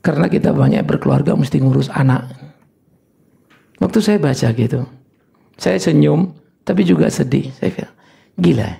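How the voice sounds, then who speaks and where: Older male pastor, gravelly voice, high and lively delivery, sermon storytelling. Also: moderate pace, long pauses. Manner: animated storytelling with sudden high exclamations.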